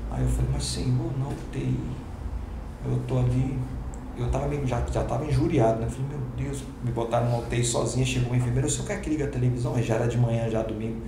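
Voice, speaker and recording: A man, a pastor, telling a personal testimony to a class, acting out each exchange in slangy, lively speech. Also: medium pitch, fast talker. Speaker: pastor and teacher. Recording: roomy hall with background noise.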